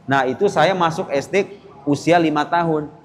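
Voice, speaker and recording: A young man teaching a religious lesson to boarding school students in a mosque, talking directly to them and acting out parents and children in quick little voices. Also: on the high side, in a large hall.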